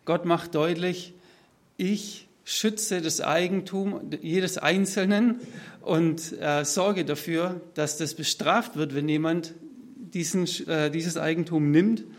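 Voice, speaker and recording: Working from notes rather than a script, a higher-voiced Swabian man from southern Germany delivers a sermon to his congregation. He takes it slowly and keeps a steady tone, laying out his points in an orderly, explanatory way and speaking straight to the people listening.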